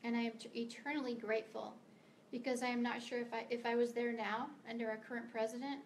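A woman's voice: on the high side, little pitch movement, quick pace, slight background noise. A middle-aged American woman giving a prepared speech to a meeting as a guest author, earnest and emphatic, sometimes stumbling over words. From United States. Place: meeting room of a library.

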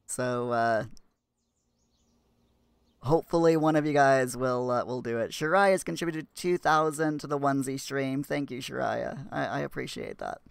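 A man's voice: medium pitch, normal speed, gravelly, clear, resonant tone, dry recording. A man chatting casually while live-streaming a game, rambling and restarting his sentences.

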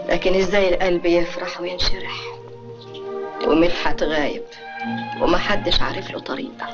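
A woman's voice: fairly low pitch, lightly acted. An actress with an Egyptian Arabic accent playing a worried, devoted middle-aged mother in a classic film, fretful and coaxing. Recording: dull old film soundtrack with music.

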